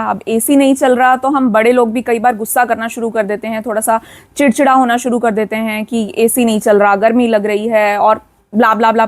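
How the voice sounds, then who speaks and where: A woman hosting a parenting advice channel, talking earnestly to camera, repeating key points and mixing in English words. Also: a little high. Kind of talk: direct-to-camera advice talk.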